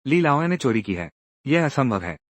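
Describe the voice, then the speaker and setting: A man's voice: mid-range voice, sing-song, moderate pace, dry recording. A man narrating a drama recap and voicing every character's lines himself, acting each one out in turn.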